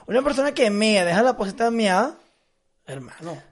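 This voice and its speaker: A man's voice: high-pitched, lively intonation, normal speed. A young man with a Venezuelan accent, co-hosting a casual podcast and telling crude stories. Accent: Venezuelan Spanish. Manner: storytelling, crude, emphatic. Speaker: podcast co-host. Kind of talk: casual chat.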